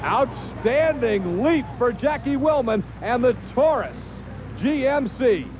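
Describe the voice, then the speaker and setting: High-pitched male tractor pull announcer, noisy. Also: expressive, slow pace. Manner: emphatic, promotional announcer delivery. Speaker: motorsport TV announcer and host. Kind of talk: tractor pull announcer, monster truck race commentary. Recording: noisy TV audio with engine noise.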